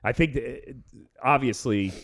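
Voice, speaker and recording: A man's voice: medium pitch, normal speed, a bit bright. A man co-hosting a casual podcast, laid-back and swearing casually. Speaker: podcast co-host. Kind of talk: casual chat.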